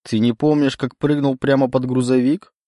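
A man's voice: mid-range voice, little pitch movement, moderate pace, dark tone, dry recording, clean studio sound, voice pushed up, natural voice. A man reading an audiobook, voicing a mocking, cruel demon voice with a sneering manner.

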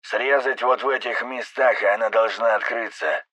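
A man's voice: medium pitch, normal speed, bright, forceful tone, no room sound, pitched above the performer's own voice. A male audiobook narrator voicing cold, clipped crewmates in spacesuits, speaking over helmet radio. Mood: terse. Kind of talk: audiobook character voices.

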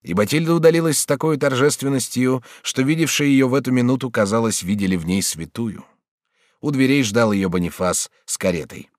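A man narrating an audiobook in an expressive, theatrical reading. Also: medium pitch, a little fast, dry recording. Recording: dry studio sound.

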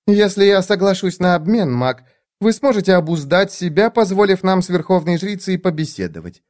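A man voicing a haughty, sharp-tongued noblewoman sorceress who talks in a slow, mocking drawl. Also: high voice, sing-song, pitched above the performer's own voice. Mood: weary.

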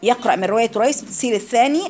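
A woman's voice: fairly high pitch, rapid-fire, darkish tone. A woman with an Egyptian accent teaching Quran recitation rules in a classroom lecture, explaining each rule and quizzing her students with questions.

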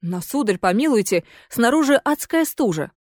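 A woman's voice: on the high side, big pitch swings, moderate pace, no echo, clean studio sound. A woman voicing a fearful, pleading female water ghost in an audiobook, in a plaintive, imploring manner.

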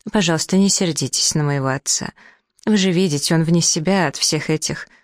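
Reader as a gentle young daughter. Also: mid-range voice, brisk, no echo, clean studio sound, natural voice. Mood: soothing. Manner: soothing, pleading.

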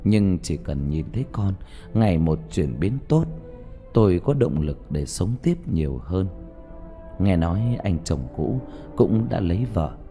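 A man reading a first-person story aloud in a slow, emotive, mournful narration. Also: sits low, very animated. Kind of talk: dramatic audiobook narration. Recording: soft music bed behind.

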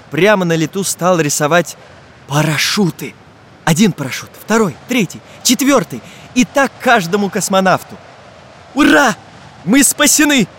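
A man narrating a children's fairy tale in a lively, expressive manner. His voice sits a little high and moves widely up and down, with a faint hiss behind it. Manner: expressive, storytelling. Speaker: audiobook narrator. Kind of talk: scripted narration.

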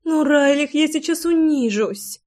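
A woman's voice: high-pitched, expressive, measured pace, a little mellow, pitched above the performer's own voice. A woman reading aloud and voicing an impatient, demanding pregnant young woman in an audiobook. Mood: pleading. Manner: pleading, breathless, insistent.

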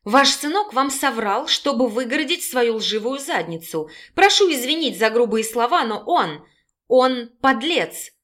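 Storybook heroine: young, fiery, sarcastic and sharp-tongued , read by a woman. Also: fairly high pitch, big pitch swings, unhurried. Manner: sarcastic, yelling.

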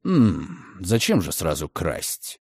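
A man voicing a sly, mocking gentleman who speaks in a low, quiet drawl. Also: wildly swooping pitch, slow pace, vocal fry, breathy edge, no echo, clean studio sound, full character voice. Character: mocking, menacing grown gentleman, sly and cold.

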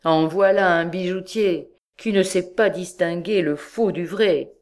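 A woman's voice: a little slow, natural voice. A woman voicing a stammering timid clerk. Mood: mocking. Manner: stammering, higher-pitched. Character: flustered middle-aged male clerk, timid widower.

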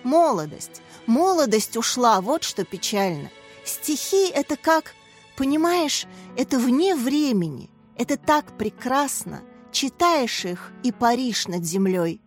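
A woman's voice: fairly high pitch, big pitch swings, measured pace, faint music behind, pitched above the performer's own voice. A woman voicing an older female teacher who declaims poetry in a dreamy, dramatic way. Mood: wistful.

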